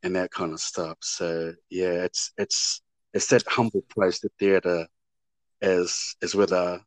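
A man, an actor answering interview questions in a halting way that often repeats words. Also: sits low, level tone, dry recording. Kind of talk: casual interview chat.

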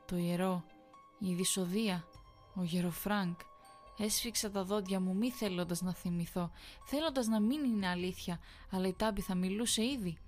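A woman narrating a horror story in a measured, tense storytelling manner. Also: mid-range voice, darkish tone.

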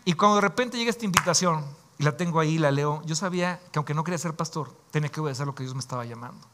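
A man's voice: fairly high pitch, very fast, a bit bright, a little hiss or hum. A man in his forties, a pastor, telling his own story in a sermon in an emotional, confiding way. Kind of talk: sermon testimony.

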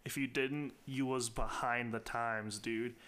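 A man's voice: mid-range voice, measured pace. A man casually telling funny coworker stories in a chat podcast, laughing often. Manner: relaxed, laughs often, mimics people. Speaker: podcast guest.

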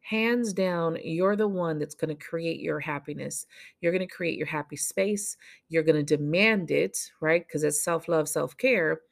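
A woman hosting a podcast, giving a casual motivational monologue in a blunt, profane, animated way. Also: deep voice, unhurried, vocal fry. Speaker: podcast host.

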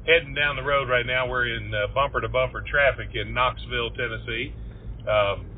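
A man's voice: medium pitch, steady tone, normal speed, narrow, tinny audio, slight background noise. A man with an Appalachian Southern accent chatting in a folksy, colloquial way as a comedy podcast host. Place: car on the road.

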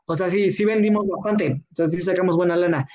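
Mexican man, high voice, casual slangy storyteller who voices the people in his tale. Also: fairly quick. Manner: slangy, relaxed, acts out the lines of people in the story. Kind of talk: casual chat, telling a drinking anecdote.

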